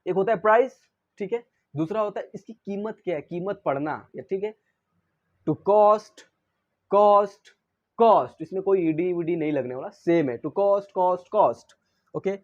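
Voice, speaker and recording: A man's voice: sits high, unhurried, dull audio. A man teaching English verbs in Hindi. He asks and answers his own questions and recites each verb's forms in English. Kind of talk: classroom-style lesson.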